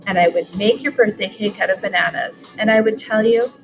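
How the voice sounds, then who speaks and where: Sitting on her living room sofa at home, a school superintendent reads a picture book aloud while music plays in the background. Her medium-pitched voice moves fairly quickly, and there is background noise.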